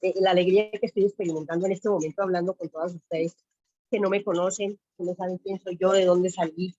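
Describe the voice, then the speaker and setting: Woman, excited emotional testimony, low dark voice, dry dull call sound. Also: fast talker, dry recording. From Colombia. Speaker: caller sharing testimony. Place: home office.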